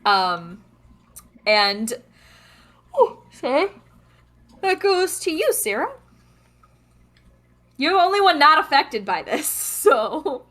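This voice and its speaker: A woman with a bright, slightly high voice runs a tabletop game as its game master. She talks casually and laughs often. She hums to herself while she looks up rules. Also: sing-song, takes it slowly, pauses often.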